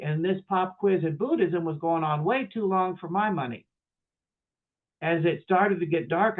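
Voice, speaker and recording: A middle-aged man, a chaplain, telling a personal story in a workshop talk and acting out the voices of the people in it. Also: fairly high pitch. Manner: animated, acts out dialogue in first person. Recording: tinny phone-like audio.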